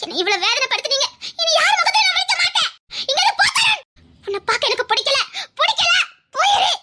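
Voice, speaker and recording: An actress playing a desperate young woman in a TV serial, sobbing, pleading and shouting to see her lost father. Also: very high voice, animated, fast talker, very noisy. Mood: anguished. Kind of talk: tearful TV serial acting.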